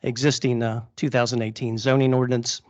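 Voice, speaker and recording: A man presenting formally at a public meeting as an applicant's attorney, halting with many fillers and restarts, and losing his voice. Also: medium pitch, flat delivery, no echo. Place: council chamber.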